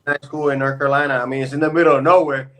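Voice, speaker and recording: A man's voice: on the high side, little pitch movement, very fast, fairly bright tone, a little hiss or hum. A man in his thirties from Puerto Rico, a pro basketball player telling his story in a laid-back, casual interview chat.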